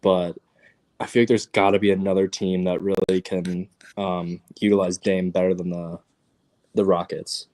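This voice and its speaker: Co-host, male, lowish voice, phoned in, casual rambling delivery with fillers. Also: level tone, normal speed, a little mellow. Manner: loose, filler-heavy, many ums and likes. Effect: talking over a phone. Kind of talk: casual sports talk.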